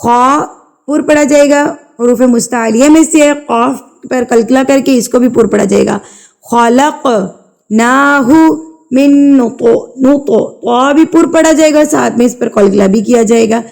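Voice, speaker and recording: A woman teaching Quran recitation, chanting verses slowly and drawn out, then explaining the rules quickly and patiently, repeating key terms. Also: fairly high pitch, creaky, a little mellow. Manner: patient instructional tone, repeats rule names. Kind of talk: tajweed lesson, slow drawn-out recitation with quick explanations in between.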